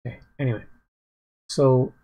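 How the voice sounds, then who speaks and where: A sleepy man working as a dungeon master, casually thinking aloud on a livestream as he plans his campaign, rambling and halting with many fillers and restarts. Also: dark tone, rough recording.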